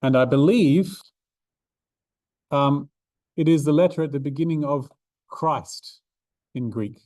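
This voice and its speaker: A man's voice: fairly high pitch, takes it slowly, a little mellow, no room sound. A man giving a revision seminar to statistics students, talking casually with many ums and restarts. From Australia. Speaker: maths tutor. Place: university classroom.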